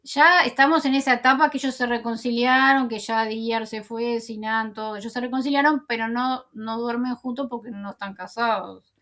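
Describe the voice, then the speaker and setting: Female series commentator, high voice, relaxed retelling. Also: normal speed. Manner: recounts dialogue, quoting characters in her own voice. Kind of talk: casual retelling of scenes with commentary.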